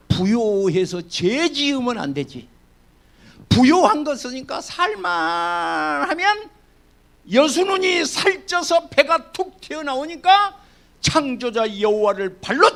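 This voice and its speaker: High-voiced older pastor with a Jeolla accent. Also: male voice, sing-song, slow. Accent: Jeolla Korean. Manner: dramatic swings between loud declaiming and hushed asides; folksy, colloquial storytelling. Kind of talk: sermon.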